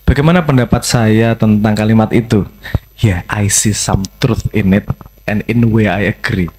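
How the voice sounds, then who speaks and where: A man speaking as the invited speaker at a discussion session, relaxed and reflective, slipping in English phrases. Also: lowish voice, normal speed.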